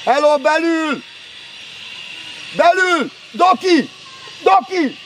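A man coaching youth football from the sideline, shouting short urgent instructions and player names outdoors. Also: very high voice, animated. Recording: crowd noise from an outdoor match.

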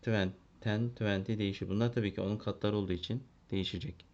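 Low-voiced man teaching English basics. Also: steady tone, fast talker, a little mellow. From Turkey. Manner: explains and translates, thinks aloud with fillers. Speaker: primary school English teacher. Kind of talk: classroom lesson walkthrough. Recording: dull lo-fi recording.

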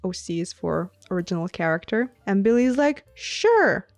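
Woman podcast co-host, mid-pitched, dry close sound, opinionated and explanatory. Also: animated, dry recording, soft background music. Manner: opinionated, quick explanations with asides. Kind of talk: casual podcast chat.

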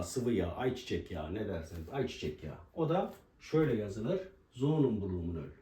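A man teaching a language lesson at a board, explaining pronunciation and slowly repeating each example word. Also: medium pitch, warm tone. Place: room with a writing board. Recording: roomy echo, voice from a distance.

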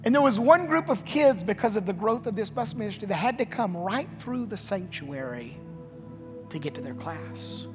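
A man's voice: sits high, animated, moderate pace. Male pastor, storytelling sermon, fervent refrains, reverberant sanctuary, music bed. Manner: storytelling preacher, building to fervent repeated refrains. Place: empty church sanctuary. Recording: long hall reverb with music behind.

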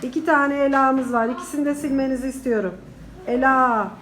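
A woman's voice: high-pitched, fairly even intonation, fairly quick, a bit bright, a little hiss or hum. A woman primary school teacher dictating words and short phrases to young pupils, repeating them and giving instructions and encouragement. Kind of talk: classroom dictation drill. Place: indoor classroom.

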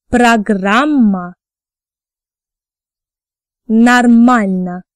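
Russian-native lady teacher, slow n clear, slightly high voice, dry close sound. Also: a little mellow, dry recording. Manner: patient, enunciates carefully, models sounds for repetition.

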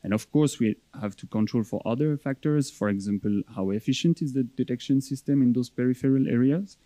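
A young man giving a conference presentation as an academic researcher, explaining in a measured, hesitant way. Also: medium pitch, dark tone, no echo.

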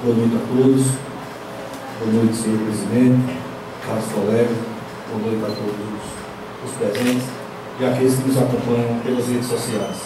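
Man, council speech, hesitant, repeats words, handheld mic, booming chamber echo, clear room noise. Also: steady tone, normal speed, pauses often. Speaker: city councilman. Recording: echoey chamber from a far camera, noisy.

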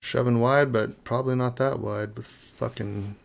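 A man's voice: medium pitch, steady tone, normal speed, creaky. A man streaming online poker, talking through his hands in a casual, profane mutter. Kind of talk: live poker commentary.

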